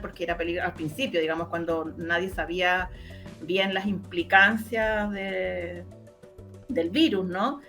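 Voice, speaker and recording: Here a Chilean-accented woman who makes radio dramas and audio stories answers questions in a relaxed interview. Her pitch is fairly low, and her tone is a bit bright. She comes across as reflective and expressive, repeating words often for emphasis.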